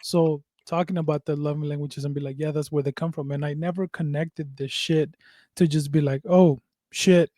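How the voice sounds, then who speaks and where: Earnest man musing aloud, mellow tone. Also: a little high, little pitch movement, fairly quick, dry recording, studio quality. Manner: thinks aloud, swears casually, earnest. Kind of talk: casual reflective chat.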